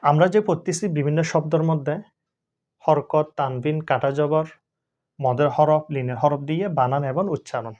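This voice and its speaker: A male Quran teacher slowly spelling out Arabic letters and vowel marks, syllable by syllable, in a lesson. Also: on the high side, steady tone, darkish tone, dull audio. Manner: slow, drawn-out recitation of syllables.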